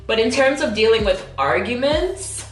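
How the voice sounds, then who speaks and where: A woman's voice: on the high side, lively intonation. A woman answering viewer questions in a casual, chatty video, with emphatic, slangy delivery. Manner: emphatic, slangy, quick to laugh. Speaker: vlog host reading viewer questions. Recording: roomy echo, faint background music. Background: faint music.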